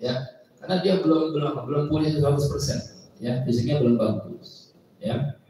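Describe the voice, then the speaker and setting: Male trainer, animated lecture style; distant pickup in a reverberant hall with faint ambience. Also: fairly high pitch, moderate pace, a little hiss or hum. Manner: animated, asks audience questions, acts out patients' words. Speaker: massage therapy trainer. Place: large indoor hall at an Islamic boarding school. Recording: echoey hall, mic far off.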